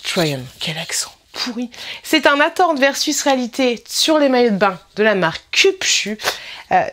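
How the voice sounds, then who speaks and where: A woman's voice: sits high, expressive, moderate pace, fairly bright tone, a little hiss or hum. Chatty woman vlogging. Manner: chatty, self-correcting, many fillers. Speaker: vlogger reviewing swimsuits. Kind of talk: casual try-on vlog.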